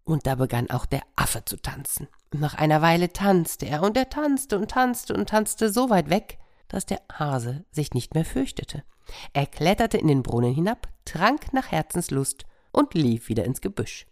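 Low-voiced woman telling a fairy tale. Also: normal speed. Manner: lively, addresses listeners directly. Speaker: storyteller. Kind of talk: fairy tale told to children.

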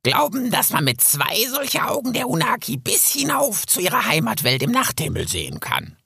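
A scruffy, boastful raven croaks and scolds in a bright, gravelly, husky voice. He talks theatrically, rising high and dropping low. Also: wildly swooping pitch, moderate pace, dry recording, studio quality, heavily acted. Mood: storytelling. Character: grumpy scruffy male raven, boastful and cranky. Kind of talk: audiobook character voice.

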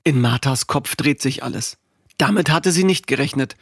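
A man narrating a story in a steady, expressive reading voice. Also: mid-range voice, normal speed, no echo, clean studio sound. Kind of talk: audiobook storytelling.

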